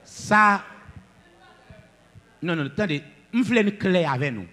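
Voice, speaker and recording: Preacher guy, high lively voice, bright and a bit husky, goes loud then drops low. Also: slow, big-room sound. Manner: swings between loud declamations and low asides. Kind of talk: sermon.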